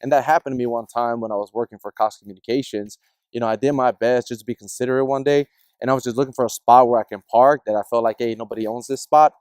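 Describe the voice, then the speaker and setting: A man telling a personal story in casual discussion, animated and acting out the people in it. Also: mid-range voice, fast, clear, resonant tone, dry recording, studio quality. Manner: animated, acts out other people's voices in his stories.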